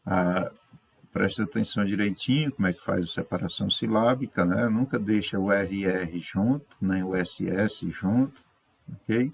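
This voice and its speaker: A Brazilian man teaching a third-grade class, correcting exercises patiently, sounding words out slowly and checking in with his pupils. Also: sits low, creaky, breathy edge. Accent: Brazilian Portuguese. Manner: slow, stretches out words syllable by syllable.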